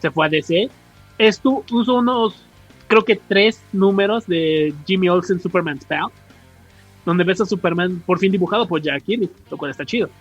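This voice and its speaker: This podcast co-host is a Mexican man who chats about comics loosely, with lots of slang and rambling explanation. He speaks at a normal speed in a high, husky voice, over dull audio with background music.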